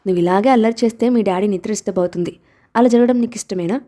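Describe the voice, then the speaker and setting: A woman reading a storybook who voices a calm, loving young father, gentle and teasing when he speaks. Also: mid-range voice, racing, close to an everyday voice.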